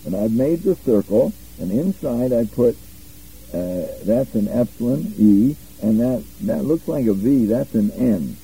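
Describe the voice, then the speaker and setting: An older man giving a Bible study lecture, explaining Greek grammar step by step and repeating key phrases to make them clear. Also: medium pitch, lively intonation, unhurried, mellow, poor audio. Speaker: Bible teacher.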